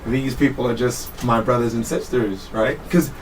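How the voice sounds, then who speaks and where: A man in his thirties, born in Trinidad and Tobago, telling his life story as a guest in a studio interview, relaxed and laughing easily. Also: medium pitch, moderate pace. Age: 30s. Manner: relaxed, laughs often, self-correcting. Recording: distant mic with faint room noise.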